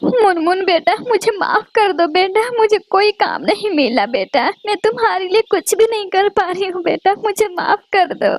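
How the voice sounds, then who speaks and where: A woman's voice: very high voice, lively intonation, normal speed, few pauses, voice pushed up. A woman voicing a poor, anxious mother sparrow in a cartoon, emotional and pleading. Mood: sorrowful comfort. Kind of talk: Hindi cartoon voice acting.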